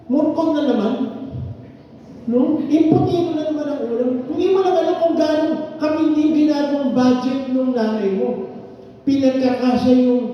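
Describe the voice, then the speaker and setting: A man preaching a sermon with emphatic swings between loud and soft. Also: very high voice, a little hiss or hum. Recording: echoey hall from far off, muffled.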